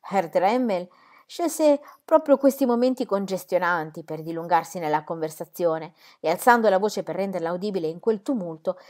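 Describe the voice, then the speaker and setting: A woman reading a novel aloud in a calm, measured narration. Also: on the low side. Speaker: audiobook reader. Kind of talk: literary audiobook narration.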